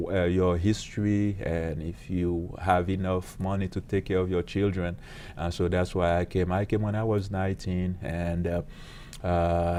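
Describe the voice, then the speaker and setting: Low-voiced man. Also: a little mellow, slight background noise. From Haiti. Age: late 30s. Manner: earnest, halting, frequent uh fillers. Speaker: pastor and police officer. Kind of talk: interview guest storytelling.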